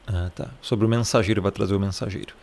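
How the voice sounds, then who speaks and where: A man's voice: fairly low pitch, fast talker, creaky, a little mellow. A man with a Brazilian Portuguese accent giving a casual Bible study lesson. He talks in a chatty way, keeps checking in with the listener and points things out in the text as he goes. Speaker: Bible teacher.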